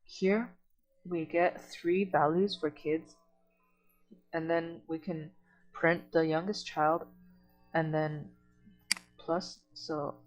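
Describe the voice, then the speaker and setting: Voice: medium pitch, low-quality recording. A tutor in an online coding lesson who reads documentation aloud and then explains it plainly, step by step.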